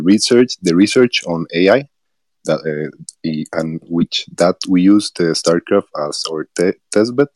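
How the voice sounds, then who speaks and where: Deep-voiced man, dry. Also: darkish tone, no echo. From Costa Rica. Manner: halting, frequent fillers and restarts. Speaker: guest developer. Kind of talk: podcast interview.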